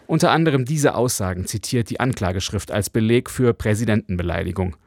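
A male foreign correspondent reading a radio news report in a clear, measured way. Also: lowish voice, darkish tone, no room sound.

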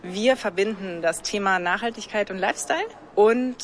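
A woman's voice: mid-range voice, normal speed, a little hiss or hum. Lady founder explaining her project, medium voice, faint ambience. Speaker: initiative founder. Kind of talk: recorded interview clip.

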